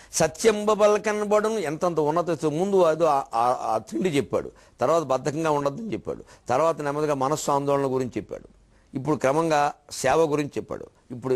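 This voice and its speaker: A man delivers a devotional discourse in a voice pitched a little high for a man. He preaches emphatically, working in wordplay and rhetorical questions. He also slips into the voices of the people he quotes. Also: a little mellow. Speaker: spiritual speaker.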